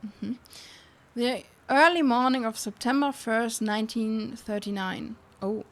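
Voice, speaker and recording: A woman streamer with a higher voice reads game text aloud slowly while playing a video game on a livestream. She's giggly and keeps breaking into laughter as she reads.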